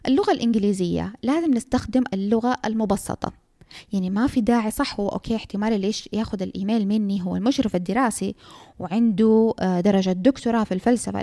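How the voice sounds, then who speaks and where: A young woman, a graduate student, giving frank and lively advice in a casual talk that mixes in English terms. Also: mid-range voice, no echo, studio quality.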